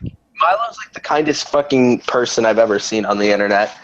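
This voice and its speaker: An eighteen-year-old young man in casual group chat, talking haltingly with fillers and casual swearing. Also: fairly low pitch, animated, a crowd in the background. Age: teens. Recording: dull lo-fi mic with faint noise.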